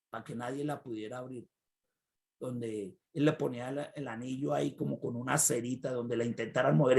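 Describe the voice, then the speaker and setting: A man preaching a sermon, retelling a Bible story with lively swings from loud cries to quiet asides. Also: mid-range voice, vocal fry.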